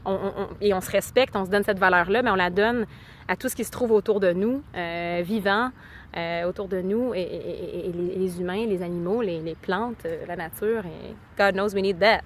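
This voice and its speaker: A woman's voice: medium pitch, moderate pace, slight background noise. A woman from Quebec with a Québécois accent, talking in a casual, rambling vlog and switching between French and English, heartfelt and full of fillers. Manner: enthusiastic, heartfelt. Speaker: vlogger.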